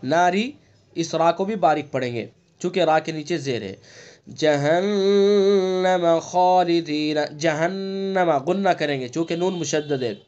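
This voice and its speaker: Man, high voice, patient recitation teacher, slow drawn-out modeling, dull lo-fi audio. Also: a little mellow. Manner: explains rules slowly, drawing out recited words, checking "theek hai?". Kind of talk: tajweed lesson with recited examples. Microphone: online class recording.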